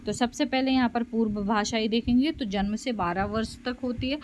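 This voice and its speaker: Recorded at home, a woman with a slightly high, slightly mellow voice speaks at a normal speed while giving a special education lecture and explaining her slides. She uses lots of fillers and keeps checking in with "okay?" and "theek hai" as she explains. The recording is rough, with a faint hiss or hum.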